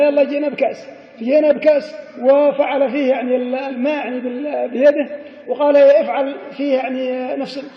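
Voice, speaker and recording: A man giving a religious lesson on the call to prayer, explaining mistakes and chanting drawn-out examples, with an occasional chuckle. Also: very high voice. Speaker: sheikh teaching the call to prayer. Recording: echoey hall, dull lo-fi sound.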